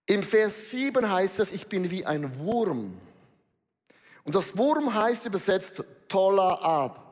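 A man preaching a sermon to a congregation, emphatic and slangy, dropping in English phrases. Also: high-pitched. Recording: reverberant hall.

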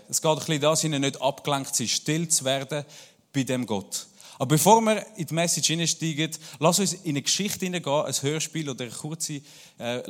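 A man with a Swiss German accent preaches a sermon, speaking directly and personally to his congregation. His voice sits a little higher than most men's. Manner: warm, personal address to the congregation. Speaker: pastor.

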